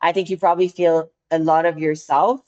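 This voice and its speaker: She sits low in pitch, with fairly even intonation, a fairly quick pace and a slightly mellow quality, recorded in a muffled way. As a podcast co-host with a French accent speaking English as a second language, she chats casually and earnestly, searching for words.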